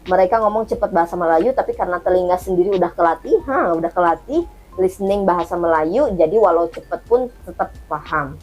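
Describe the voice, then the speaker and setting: A woman in casual chat, explaining and sounding out words slowly. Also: on the low side, darkish tone. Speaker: co-host.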